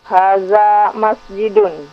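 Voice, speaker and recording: A woman's voice: mid-range voice, steady tone, extremely slow. A woman with an Indonesian accent calling in, reading simple Arabic drill answers carefully and hesitantly. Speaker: caller, student. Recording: dull phone-call audio with mains hum.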